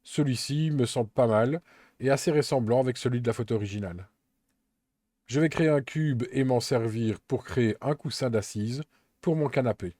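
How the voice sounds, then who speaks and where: A man walks through a software tutorial step by step, calm and methodical. His voice is dark and mellow, and the recording is dry and close with no room sound. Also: medium pitch, normal speed, dry recording. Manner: calm, methodical step-by-step explaining with occasional fillers. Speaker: Blender tutorial instructor.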